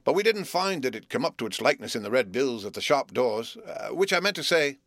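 An awkward, earnest country blacksmith with a rustic dialect, put on by a man reading a story. He stumbles through his words stiffly and formally, in a voice pitched higher than the reader's own. The recording is close and dry. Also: sing-song, a little fast, a bit bright, no echo. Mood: stiff, polite.

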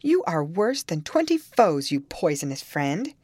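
Impassioned young girl voiced by a woman narrator, infatuated and easily wounded, very animated, dry audiobook sound. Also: mid-range voice, a little slow, no echo, voice pushed up. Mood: angry. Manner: impassioned, indignant. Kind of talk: dramatised audiobook reading of a classic novel.

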